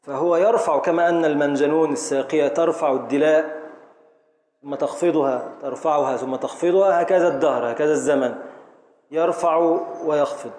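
A man with an Egyptian accent teaching a classroom lesson on Arabic poetic meter, explaining slowly and repeating syllables as he calls on students. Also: fairly high pitch, darkish tone. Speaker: teacher of Arabic grammar and prosody. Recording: echoey classroom with faint noise.

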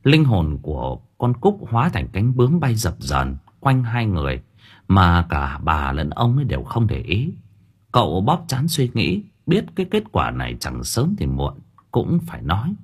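Expressive male narrator, husky, wide-ranging pitch for a story read. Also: normal speed. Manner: lively, expressive. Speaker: audiobook narrator.

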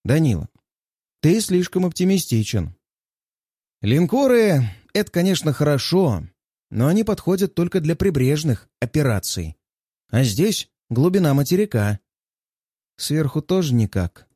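A man voicing a cautious older official on the phone, talking in a measured, sober way, recorded close and dry. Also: a little high, big pitch swings, warm tone, no echo.

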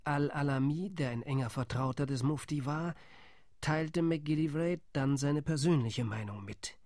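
An actor in a radio drama monologue lightly plays a wary male delegate who sounds doubtful and deliberate. His voice is fairly high for a man, a little mellow, with a grave, reporting tone. The studio sound is close and dry, with no room sound.

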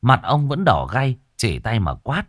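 A man narrating a ghost story in a dramatic, lively way. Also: mid-range voice, a little slow, no room sound, clean studio sound.

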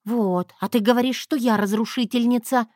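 Lady reader doing a high playful impish young wife in an audiobook. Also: steady tone, moderate pace, a little mellow, no echo, clean studio sound, close to an everyday voice.

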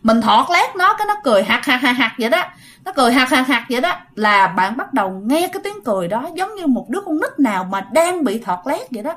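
A woman's voice: high-pitched, sing-song, fast talker. A woman with a Southern Vietnamese accent telling a ghost story in a chatty, casual way, talking straight to her listeners. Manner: chatty, addresses listeners directly, acts out quoted shouts.

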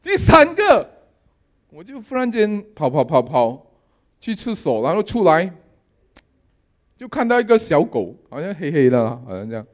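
A man giving a sermon testimony, telling his dreams in a lively storytelling manner with English words mixed in. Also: on the high side, normal speed, long pauses. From Malaysia. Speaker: lay preacher.

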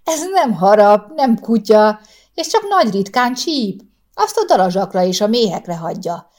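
A woman's voice: medium pitch, lively intonation, pitched above the performer's own voice, close to an everyday voice. A woman voicing a cheerful, talkative old widow in a spoken storybook. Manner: talkative, brisk.

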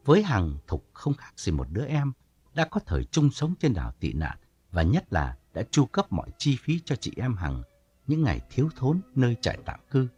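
A man narrating an audiobook story in a calm storytelling manner. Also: mid-range voice, moderate pace, breathy edge, lo-fi sound.

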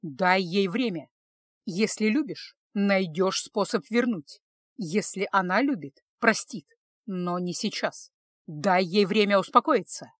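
A woman voicing a wise elderly woman who speaks low, quietly and in a measured way, in a storybook reading. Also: no echo, clean studio sound. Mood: firm, gentle.

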